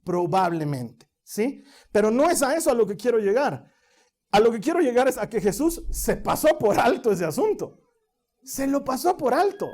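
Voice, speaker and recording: High-voiced man preaching a sermon. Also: darkish tone. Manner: teaching, conversational, checks in with listeners. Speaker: pastor.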